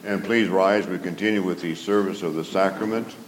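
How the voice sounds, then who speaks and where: Pastor in cathedral echo. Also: male voice, sits low, fairly even intonation. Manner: solemn, measured liturgical recitation. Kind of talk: leading a formal liturgy. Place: large church. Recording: echoey church with loud organ music.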